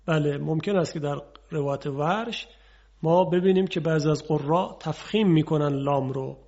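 A man with a slightly high, husky voice leads a televised Quran recitation lesson. He explains each rule patiently and then drawls the examples slowly. The audio sounds a little dull, as from a broadcast. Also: darkish tone.

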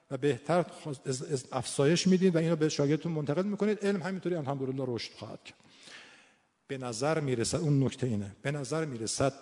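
With a slightly high, somewhat mellow voice and a long reverb tail, a Persian-speaking teacher of Quran recitation and phonetics talks informally about vowels. He voices the sample sounds slowly, drawing each one out as he demonstrates.

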